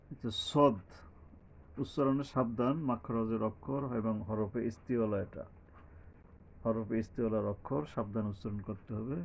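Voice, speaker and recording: Slow, deliberate male Quran teacher. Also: medium pitch, highs cut off. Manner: slow, deliberate explanations, chanting verses in drawn-out recitation. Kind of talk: Quran recitation lesson with grammar explanation.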